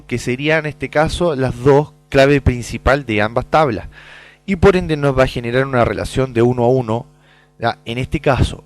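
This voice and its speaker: A man explaining a database program in a screencast tutorial, checking in with the listener as he goes and muttering while he types in example data. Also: mid-range voice. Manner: explanatory, peppers lines with "¿ya?"; mutters quietly while typing in sample data. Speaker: software course instructor.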